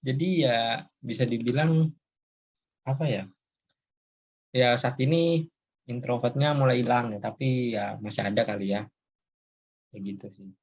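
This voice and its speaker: Young guy hosting, husky voice, rambly and laughy, kinda dull lo-fi sound. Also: medium pitch, moderate pace, pauses often, a little mellow. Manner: rambling, many fillers and laughs. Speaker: host. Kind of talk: casual chat.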